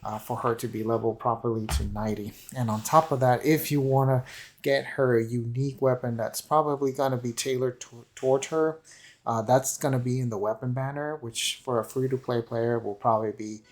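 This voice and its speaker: His voice is medium in pitch, steady and fairly quick. He's a gaming channel host giving loose, unscripted commentary on a game, hesitant and rambling, frequently repeating and correcting himself, with background music behind him.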